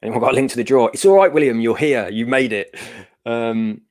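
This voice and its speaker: A man's voice: medium pitch, brisk, a little mellow. A middle-aged man hosting a giveaway livestream, chatting casually, answering viewer comments and telling jokey stories. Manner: laughing, jokey storytelling.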